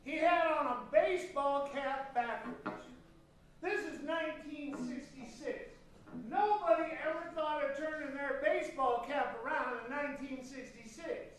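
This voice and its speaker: Brief: middle-aged Californian man, animated storyteller, high voice, roomy far-off sound. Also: a little slow. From West Sacramento, California. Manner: lively storytelling, emphatic. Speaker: musician presenting to students. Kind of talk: spoken school presentation. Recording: echoey room from far off.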